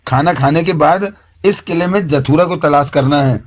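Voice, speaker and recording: A man's voice: a little high, moderate pace, natural voice. Man doing a bossy pompous jinn, stern and commanding. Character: stern, pompous male jinn who rules his slaves.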